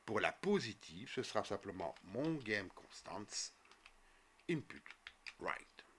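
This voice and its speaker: A man walking viewers through a coding tutorial step by step as he types, with frequent fillers and quick self-corrections. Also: lowish voice, very animated, a bit bright, a little hiss or hum. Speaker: programming tutor. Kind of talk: screen-recorded coding tutorial.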